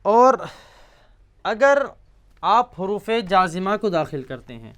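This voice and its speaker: A man teaching a grammar lesson, slowly reciting verb forms and asking and answering his own questions. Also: sits high, very animated, fairly bright tone. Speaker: teacher of Arabic morphology.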